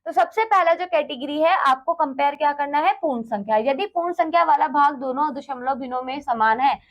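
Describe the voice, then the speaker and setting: A woman with a high voice teaches a math lesson to children. She goes step by step with patience, asks the class questions and answers them. She drops English words into her explanations. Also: a little fast, lo-fi sound. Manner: mixes English words into Hindi.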